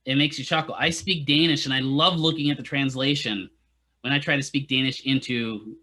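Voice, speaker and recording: Speaking a little fast with a steady tone, a man teaches physical therapy students in an informal lecture, often asking "right?" and adding jokes. His voice is medium in pitch, bright and forceful.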